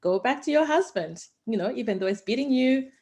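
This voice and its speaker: A woman's voice: on the high side, lively intonation, a little fast, darkish tone. A woman from Zimbabwe, talking enthusiastically and passionately as a guest in a casual interview. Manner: enthusiastic and passionate, with many fillers. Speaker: guest, founder of investing education company.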